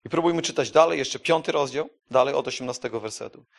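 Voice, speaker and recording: A man preaching a sermon who moves between quiet, conversational asides and loud, emphatic declarations, often putting questions to his listeners. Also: medium pitch, fast, creaky.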